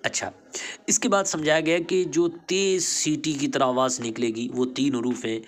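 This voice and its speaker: A man's voice: on the high side, fairly even intonation. Patient man teaching letter sounds. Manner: patient, repeats letter sounds slowly for practice; encouraging, praises the learner. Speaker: Quran reading teacher. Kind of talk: recorded online lesson.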